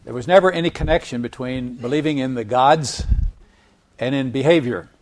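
A man preaching a sermon in a measured teaching tone. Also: mid-range voice, darkish tone. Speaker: pastor.

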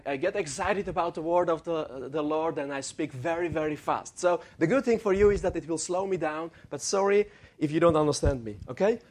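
Delivering a sermon as a guest preacher, a young man with a slightly high voice speaks halting, Armenian-accented English. He stumbles through plenty of fillers and restarts and trades some jokes with the congregation.

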